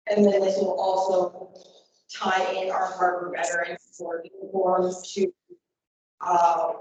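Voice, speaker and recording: A woman presenting at a meeting over a garbled, unclear call line, halting with many ums. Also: on the low side. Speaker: harbor staff presenting a budget. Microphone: remote call. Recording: echoey, distant, muffled, noisy call line.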